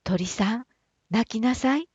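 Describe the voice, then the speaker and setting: A kind-hearted storybook giant pleads and coaxes in an earnest rush, read out by a woman. The voice stays breathy and soft-toned, close to the reader's own. The recording is dry and slightly dull. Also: a little high, slow, no echo, heavily acted. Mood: tender. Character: gentle kind-hearted giant man, witch's son.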